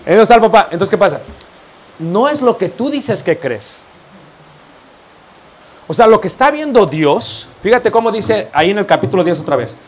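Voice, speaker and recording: A man's voice: high voice, sing-song, moderate pace, pauses often. A man preaching a sermon, firing rhetorical questions at his congregation and addressing them as brothers.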